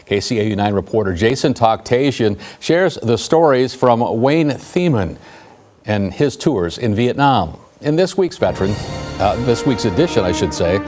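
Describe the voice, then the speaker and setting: A man's voice: medium pitch, expressive, moderate pace, darkish tone, soft background music. An American man reading a scripted introduction as a news anchor.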